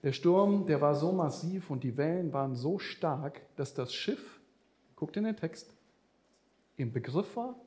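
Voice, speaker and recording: A man's voice: on the high side, expressive, unhurried, darkish tone, roomy sound. A man preaching a sermon, speaking animatedly with vivid comparisons and addressing the listeners directly.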